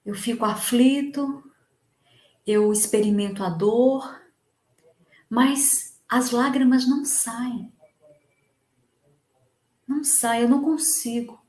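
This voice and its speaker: A woman delivers a devotional talk, telling a story slowly and with feeling. Her voice sits fairly high. The recording carries a noticeable room echo. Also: a little mellow. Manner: slow, emotive retelling in the first person. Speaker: Spiritist lecturer.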